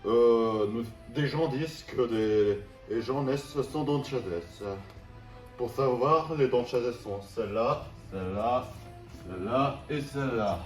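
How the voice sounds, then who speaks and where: A man's voice: medium pitch, a little slow. Roomy, distant young man, hesitant introduction. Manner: hesitant, restarting. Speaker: student presenter. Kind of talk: informal spoken introduction. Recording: roomy, distant mic, faint guitar music.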